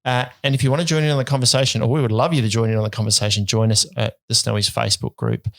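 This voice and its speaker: A man's voice: medium pitch, lively intonation, very fast, gravelly, fairly bright tone, no room sound, studio quality. A middle-aged Australian man hosting a podcast in a casual, conversational way. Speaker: podcast host.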